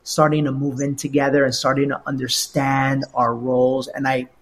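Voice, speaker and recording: A man, a life coach, talking through personal stories in an animated, conversational way during an interview, often repeating words as he goes. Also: medium pitch, moderate pace. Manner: animated, repeats words while telling anecdotes.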